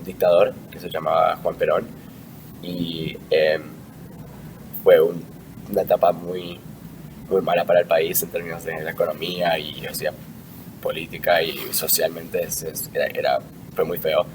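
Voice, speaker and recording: A man's voice: low voice, little pitch movement, moderate pace. A young man from Argentina answering interview questions in a casual, hesitant way, with frequent fillers and restarts. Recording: distant mic with clear background noise.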